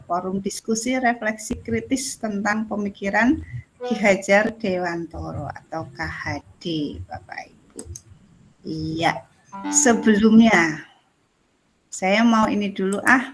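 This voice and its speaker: Heard through poor video-call audio, a woman from Indonesia runs an online class for a teacher training forum. She speaks a little slowly at medium pitch, staying casual, giggly, jokey and self-deprecating.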